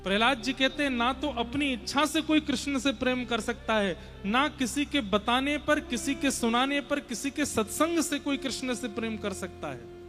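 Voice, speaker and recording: A man's voice: extremely high pitch, moderate pace, bright, forceful tone, faint music behind. A young man giving a devotional sermon to a seated audience in a large hall, chanting verses and earnestly urging everyone to listen closely. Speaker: kathavachak preacher.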